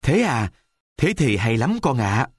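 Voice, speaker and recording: A man voicing a kind, poor old woodcarver father in a storybook reading, speaking in a gentle, mumbling fatherly way. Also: mid-range voice, big pitch swings, unhurried, husky, no echo. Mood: fond.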